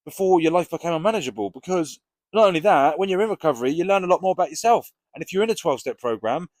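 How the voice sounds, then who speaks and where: A man's voice: on the high side, animated, racing, no room sound. A British man talking casually and frankly to camera as a vlogger, with plenty of swearing. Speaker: recovery vlogger.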